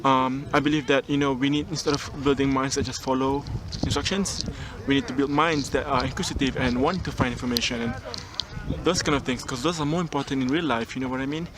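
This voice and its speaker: A young man recording a casual video cover letter outdoors on a mountain top, relaxed and chatty, with frequent ums and restarts. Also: mid-range voice, fast. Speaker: job applicant. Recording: outdoor recording with clear background noise.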